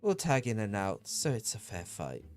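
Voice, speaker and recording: A man's voice: on the low side, wildly swooping pitch, normal speed, soft background music. A man voicing a cocky young male tag-team wrestler with a smug, taunting manner.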